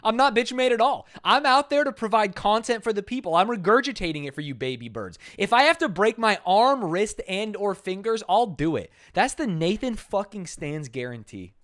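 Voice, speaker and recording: A man's voice: high voice, very animated, normal speed, few pauses, a bit bright. An American man bantering casually as a podcast co-host, brash, profane and mock-boastful. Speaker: podcast co-host, content creator.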